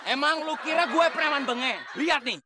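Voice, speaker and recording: A man playing a blustering small-time street thug in a slapstick comedy, bossy and shouty. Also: extremely high pitch, brisk, heavy background noise. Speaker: comic actor. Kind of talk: slapstick sitcom acting.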